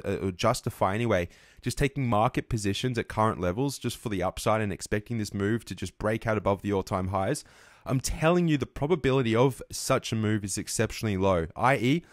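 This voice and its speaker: A man's voice: mid-range voice, dry recording, studio quality. A man giving a market analysis lesson over charts, earnest, often restarting and correcting himself mid-sentence. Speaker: trading educator.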